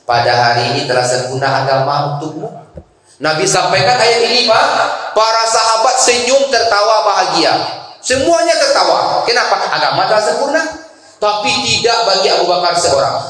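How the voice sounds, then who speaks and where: A middle-aged man with a West Sumatran accent giving a lively Ramadan sermon, often asking his congregation questions. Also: high-pitched, moderate pace. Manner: animated, conversational, asks the congregation questions. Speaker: preacher. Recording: very echoey hall.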